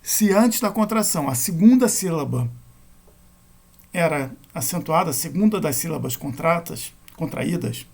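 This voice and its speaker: Gravelly-voiced man teaching grammar. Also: fairly high pitch, animated, moderate pace, a little mellow. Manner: methodical, self-correcting explanation. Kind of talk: recorded lecture.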